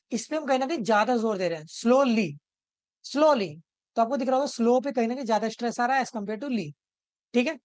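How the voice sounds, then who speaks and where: A man's voice: extremely high pitch, darkish tone, no echo, studio quality. A man teaching an exam-prep video lesson, explaining step by step and checking in with the viewer after almost every phrase. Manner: explains step by step and repeats words slowly, breaking them into parts. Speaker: tutor.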